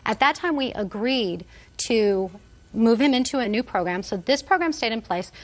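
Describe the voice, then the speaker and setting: A woman testifying as a plaintiff in a TV court, speaking in a formal, precise and measured manner. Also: a little high, animated.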